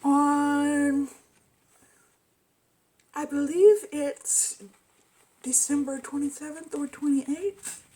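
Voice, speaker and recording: A woman's voice: high voice, steady tone, drawn-out words, pauses often, dark tone, low-quality recording. A woman beauty vlogger chatting casually as she reviews her monthly makeup bag, hesitant and full of fillers. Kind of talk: casual product review chat.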